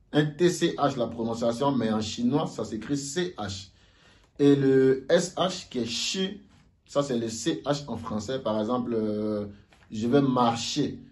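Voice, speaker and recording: A man giving a casual video lesson on Mandarin sounds, slowly repeating each sound aloud for learners. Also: medium pitch, darkish tone. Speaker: Mandarin teacher.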